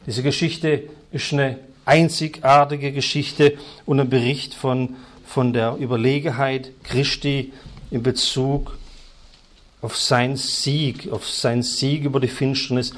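A man preaching a sermon, emphatic and repetitive, swinging between loud stressed words and hushed asides. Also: mid-range voice, level tone, slow pace.

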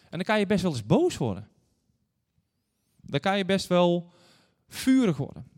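A man's voice: high-pitched, wildly swooping pitch, unhurried, a little mellow. Earnest male preacher in an echoing church. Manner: earnest, storytelling, addresses congregation directly. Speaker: guest preacher. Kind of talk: sermon with Bible reading. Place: church hall. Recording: long church reverb.

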